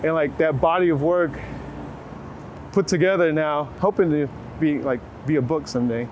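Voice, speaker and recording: The recording has its highs cut off, carrying a slightly high male voice at normal speed. He's an American photographer from Waco, Texas, casual and reflective in an interview, hedging with frequent "like" as he gropes for phrasing. The setting is an outdoor city street, with clear traffic and street noise, passing vehicles, and urban ambience.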